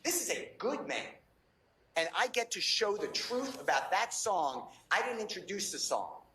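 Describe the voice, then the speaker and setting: A man's voice: high voice, big pitch swings, moderate pace, bright, forceful tone, reverberant, slight background noise, low-quality recording. A man working as a defense attorney, pleading insistently with a judge in a courtroom.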